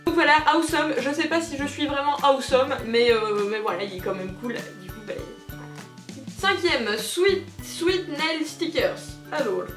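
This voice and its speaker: A bubbly young woman chats through an unboxing, gushing over each item and poking fun at herself. Her voice sits high, and she sounds a bit far from the mic in a roomy space, with music playing behind her. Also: expressive, normal speed, few pauses. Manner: bubbly, gushing, self-mocking, with many fillers. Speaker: unboxing video host. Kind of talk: casual unboxing chat.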